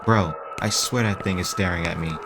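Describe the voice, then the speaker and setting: A man's voice: deep voice, fairly quick, over music. A man voicing a nervous, joking young sidekick who whispers slangy wisecracks.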